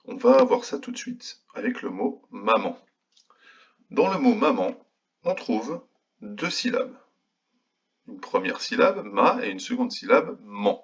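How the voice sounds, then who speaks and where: A male kindergarten teacher giving a remote phonics lesson to young children, slowly and patiently sounding out each letter. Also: lowish voice, sing-song, breathy edge, muffled recording.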